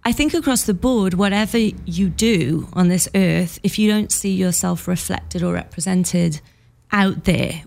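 A woman's voice: lowish voice, vocal fry, a little mellow. A woman from Wales, a music producer, chatting candidly as a studio guest on a radio show and laughing often. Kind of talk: casual radio interview.

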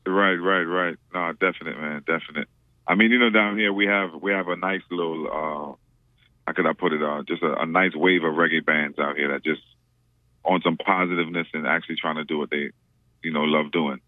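A man from Trinidad with a very deep voice talks quickly and easily, looping back on his words with lots of fillers. He comes through a dry, tinny phone line. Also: fairly even intonation, dry recording. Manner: laid-back, repeats words, many "you know" fillers. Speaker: reggae musician guest. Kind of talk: casual radio interview.

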